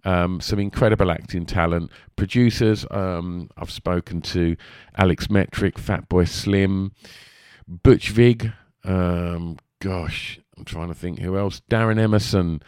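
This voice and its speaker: A man's voice: low voice, steady tone, a little slow, a little mellow, clear, resonant tone, no room sound, clean studio sound. A man with an Essex accent and a lisp, hosting a podcast in a rambling, chatty, casual way. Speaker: podcast host.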